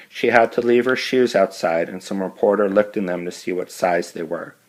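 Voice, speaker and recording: A male teacher with a very low, deep voice reads a novel aloud for his class. He stops now and then for friendly asides to his students. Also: poor audio. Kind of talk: reading a novel aloud with commentary.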